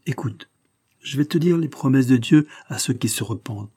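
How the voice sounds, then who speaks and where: A man voicing a soft-spoken grieving mother. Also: medium pitch, moderate pace, breathy edge. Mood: tender. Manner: soft, hushed and soothing. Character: grieving older farm mother, tender and gentle.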